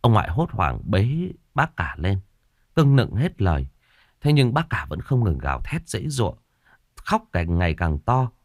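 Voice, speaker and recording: A man with a fairly low voice narrates a ghost story, his pitch rising and falling in a lively way. The sound is dry and close-miked. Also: moderate pace, no echo. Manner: expressive storytelling.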